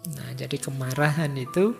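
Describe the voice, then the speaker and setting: A middle-aged man giving an informal philosophy study lecture, telling lively stories with acted quotes. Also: mid-range voice, moderate pace, creaky. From Indonesia. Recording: music under long hall reverb.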